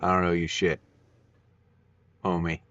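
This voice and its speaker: Chill guy streaming a game, slow and kinda low, mumbly slang, muffled lo-fi mic. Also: completely flat delivery, fairly bright tone, no echo. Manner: laid-back, mumbling, slangy. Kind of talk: casual gameplay commentary.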